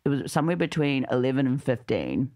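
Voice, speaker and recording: A woman guest on a podcast, telling family stories in casual chat, laughing often and pausing with fillers. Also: extremely low pitch, big pitch swings, dark tone. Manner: chatty storyteller, laughs often, many fillers.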